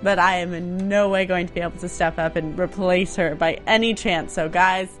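A woman's voice: on the low side, fairly even intonation, moderate pace, fairly bright tone, soft background music. Chatty, modest woman panel guest. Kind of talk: casual panel chat. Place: studio.

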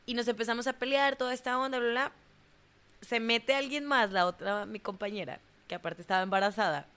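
A young woman from Monterrey, Mexico with a northern Mexican accent, a dancer telling a story in an interview in a lively, colloquial way that acts out the dialogue. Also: on the high side, fairly quick, clean tone. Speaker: dancer in a ballet company.

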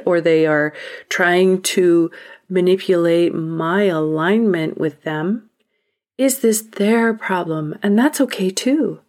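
A woman hosting a podcast, speaking a reflective monologue in a deliberate, emphatic way that sometimes drops to a whisper. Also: on the low side, darkish tone. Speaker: podcast host.

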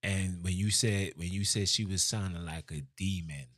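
Male host, very deep voice, dry close sound, probing and repetitive questions. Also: fairly even intonation, moderate pace, a bit bright, dry recording. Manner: probing questions, repeats his words. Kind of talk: casual interview talk.

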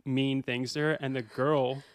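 A young man, a podcast guest, telling a story in casual chat, animated and laughing often. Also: medium pitch, unhurried, a loud crowd.

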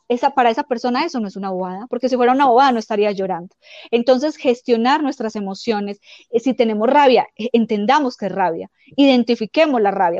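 Higher-voiced woman giving spiritual coaching advice. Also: dry recording, lo-fi sound. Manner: calm, explanatory, often acts out quoted dialogue. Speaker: life coach. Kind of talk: spiritual self-help advice talk.

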